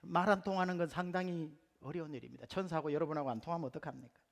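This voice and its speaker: A man's voice: on the high side, rapid-fire, vocal fry. A male pastor from Gyeongsang province delivering a humorous, story-filled sermon in a church. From Gyeongsang province, Korea. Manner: animated storytelling with humor, acts out quotes. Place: church sanctuary. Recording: reverberant church hall.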